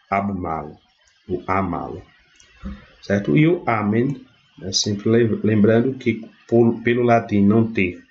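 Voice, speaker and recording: A low-pitched man teaches grammar step by step, often checking in with short fillers. His patient explanations come through a dull, lo-fi recording. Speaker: Latin teacher. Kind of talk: explanatory lesson.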